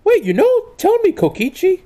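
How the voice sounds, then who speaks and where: A woman's voice: extremely high pitch, huge pitch swings, moderate pace, mellow, full character voice. A woman voicing an earnest, flustered male cartoon video game hero in an amateur comedic role-play, hesitant and exclaiming. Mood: doubtful.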